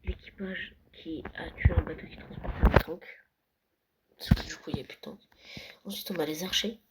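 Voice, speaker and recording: A young vlogger touring a Minecraft world late at night, often whispering and speaking softly. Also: mid-range voice, normal speed, low-quality recording. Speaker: gaming vlogger. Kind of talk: casual Minecraft world tour. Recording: loud background noise.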